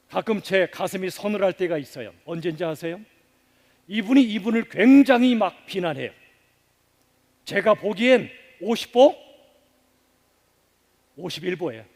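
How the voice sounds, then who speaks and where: Heard through the long reverb of a church sanctuary, a high-voiced man preaches as pastor. He asks his congregation questions, has them repeat phrases after him, and punches words loudly before letting lines trail off into a hush.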